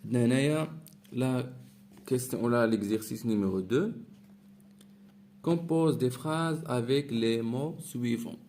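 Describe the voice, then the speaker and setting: A man teaching a grammar lesson, talking slowly and repeating phrases as he walks through exercises. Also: medium pitch, dark tone, slight background noise. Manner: slow, repeats phrases, mixes French with Moroccan Arabic words.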